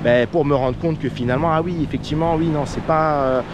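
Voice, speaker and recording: This man under 40 from France talks fast in a slightly high voice with a French accent. He's a vlogger and expat coach sharing earnest, casual advice full of fillers, recorded outside amid waves and traffic.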